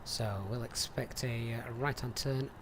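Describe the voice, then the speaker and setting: Man, average pitch, casually narrating a simulated flight over light cabin noise. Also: steady tone, moderate pace. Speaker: livestreamer flying a flight simulator. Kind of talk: casual livestream commentary with pilot readbacks.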